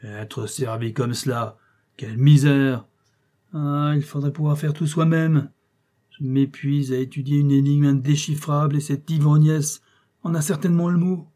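A man voicing an irascible, scheming older male employment agent who switches between smooth courtesy and temper. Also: on the high side, fairly even intonation, moderate pace, dark tone, voice pushed up, close to an everyday voice. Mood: grumbling. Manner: shifts from bland courtesy to bursts of temper.

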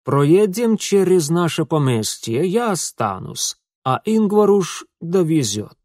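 A pedantic German landowner, played by a male narrator, speaks slowly and deliberately. The reading is dry and close. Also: a little high, sing-song, a little mellow, dry recording, voice pushed up, exaggerated voice.

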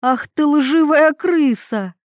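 A tough young woman snaps back with blunt, hoarse threats, as a woman narrator puts her on. Her voice sits high, and the audiobook recording is dry and close. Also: a little slow, no room sound, natural voice. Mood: fierce angry.

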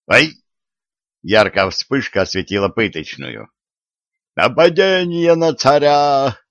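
A man narrating an audiobook in a measured storytelling manner, giving each character a voice. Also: fairly low pitch, a bit bright, dry recording, highs cut off. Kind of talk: scripted narration.

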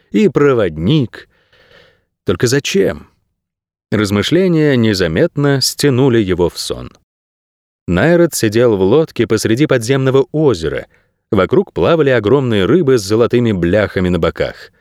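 A male audiobook narrator reading with expressive storytelling. His pitch rises and falls in a lively way, at a middle height for a man. The recording is dry and close, with no room sound. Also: no echo. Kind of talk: scripted narration.

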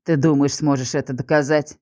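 A vicious imprisoned man, as a woman reader puts him on, spitting insults in a low, dark, snarling voice. He sounds brutal and full of rage throughout this audiobook scene. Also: steady tone, a little fast, no room sound, clean studio sound. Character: brutal male jailed villain, furious and vicious.

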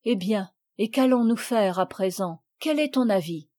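A woman's voice: medium pitch, lively intonation, unhurried, dark tone, natural voice. A woman doing a stern commander father. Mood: earnest. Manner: commanding and grave. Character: stern, bold male ship commander, a father.

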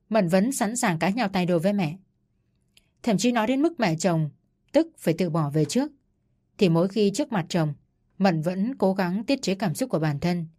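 A woman's voice: lowish voice, mellow. Woman narrating a story over music. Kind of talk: scripted audiobook narration. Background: faint music.

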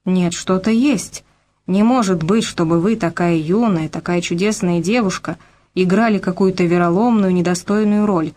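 A woman's voice: on the low side, normal speed, warm tone, lightly acted. A woman voicing an earnest Russian colonel. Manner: earnest, persuasive. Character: earnest middle-aged male Russian colonel. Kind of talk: audiobook reading.

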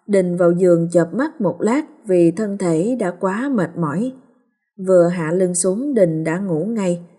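A woman narrating a ghost story in a slow, somber, even storytelling manner. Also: on the low side.

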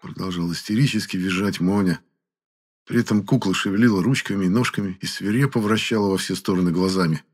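Deep-voiced male audiobook narrator. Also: fairly quick. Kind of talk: first-person audiobook narration.

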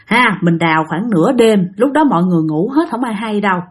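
A ghost story comes from a woman with a Southern Vietnamese accent, who speaks quickly and animatedly and talks straight to her audience in a chatty way. Her mid-range voice is husky.

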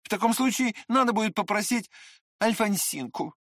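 A reader voicing an excitable, pretty teenage boy who chatters eagerly in an audiobook. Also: mid-range voice, normal speed, no echo, studio quality, voice pushed up, natural voice. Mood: chattering.

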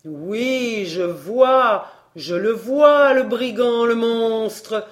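A woman's voice: on the high side, drawn-out words. A timid young apprentice boy, anxious and hesitant, as a woman reader voices him. His lines come unsure and nervous. He sounds out of his depth. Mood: frightened.

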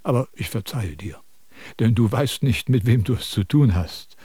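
An actor playing a self-important sage who lectures and scolds in a radio drama. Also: male voice, medium pitch, expressive, normal speed, warm tone, slightly rough, dry recording. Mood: lecturing. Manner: pompous, preachy, scolding.

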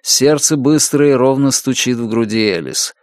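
A man giving a steady, measured scripted narration of an audiobook. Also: medium pitch, no echo, clean studio sound.

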